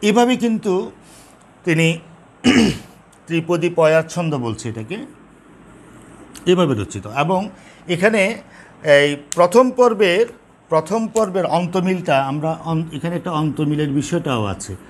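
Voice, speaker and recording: A man teaching a lesson on poetic meter, explaining patiently, repeating key terms and counting syllables slowly. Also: on the high side, animated. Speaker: Bengali literature teacher. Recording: faint background noise.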